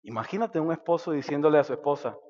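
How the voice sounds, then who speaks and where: Guy preaching hard, loud then hushed, kinda high voice, long echo. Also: fast talker, dull audio. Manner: impassioned preaching, swinging between loud and hushed. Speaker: pastor. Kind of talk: sermon. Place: church sanctuary.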